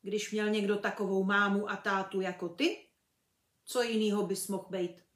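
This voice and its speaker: A woman reading a children's book aloud, voicing a huge, blunt male gamekeeper in loud, folksy speech. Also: medium pitch, steady tone, reverberant, natural voice. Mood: hearty.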